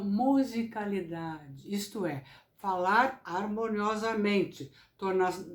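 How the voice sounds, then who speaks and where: A woman teaching public speaking in a recorded lesson, speaking slowly and deliberately with careful articulation. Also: medium pitch. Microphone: camera. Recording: echoey room sound.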